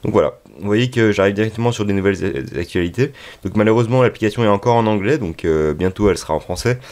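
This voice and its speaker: A man presenting an app tutorial off the cuff, with a hesitant delivery and frequent pauses. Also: lowish voice, darkish tone. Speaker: tech video presenter. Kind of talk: unscripted app tutorial narration.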